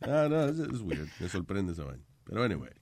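A man's voice: low-pitched, very animated, brisk, darkish tone, slight background noise. A man with a Dominican accent in casual, slangy, foul-mouthed banter, switching between Spanish and English. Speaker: talk show host.

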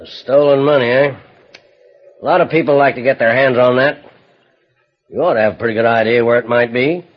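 An actor playing a tough, sly old rancher with a folksy drawl in a vintage radio western. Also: male voice, medium pitch, steady tone, fairly quick, lightly acted. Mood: sly, needling. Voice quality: husky. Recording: muffled old radio recording.

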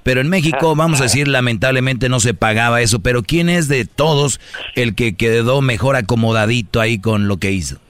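Mid-pitched man chatting dryly. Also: fairly quick, a bit bright, dry recording. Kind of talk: casual talk show banter.

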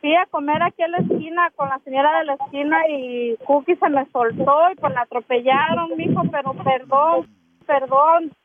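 A woman's voice: high-pitched, normal speed. Woman caller on a tinny phone line. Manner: complaining, animated storytelling.

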